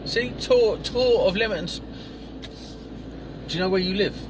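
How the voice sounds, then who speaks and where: A man's voice: high voice, measured pace. A man with a south London accent, chatting casually and teasing his passenger while driving, in a blokey, jokey way. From Croydon, south London. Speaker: host driving and interviewing a guest. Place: inside a moving pickup truck. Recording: clear road and car noise.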